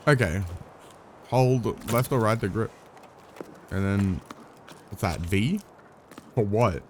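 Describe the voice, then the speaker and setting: A man's voice: on the low side, takes it slowly, slight background noise. A young man live-streaming a game, chatting casually in a rambling way, swearing freely, with wry asides to his viewers.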